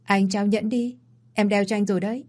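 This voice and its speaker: A woman's voice: medium pitch, fairly even intonation, brisk, darkish tone, close to an everyday voice. A woman voicing a desperate young bride in an audio story, pleading and tearful.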